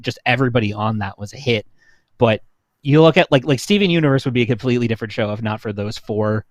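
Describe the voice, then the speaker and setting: A young adult man talks fast and casually on a livestream, an enthusiastic fan and show panelist who keeps dropping "like" into his speech. His voice sits at medium pitch, with no echo.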